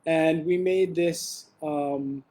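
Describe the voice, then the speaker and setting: Speaking very slowly in a somewhat high voice, a young man runs an academic webinar over a video call. The delivery is laid-back, sprinkled with ums and restarted phrases.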